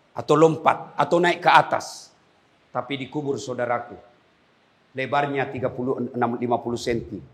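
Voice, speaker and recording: A man preaching a humorous sermon at a prison gathering, animated, swinging between hushed and shouted lines. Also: medium pitch.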